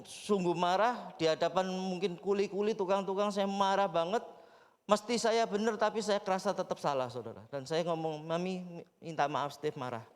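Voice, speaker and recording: A male pastor preaching a sermon, questioning the congregation directly and telling stories with lively acted-out voices. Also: high voice. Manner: animated storytelling, acting out quoted voices. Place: church sanctuary. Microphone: livestreamed service mic. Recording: long church hall reverb.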